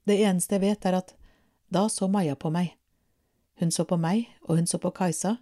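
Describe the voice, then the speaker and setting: A woman reading a story aloud in a calm, measured way. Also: on the low side. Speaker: reader.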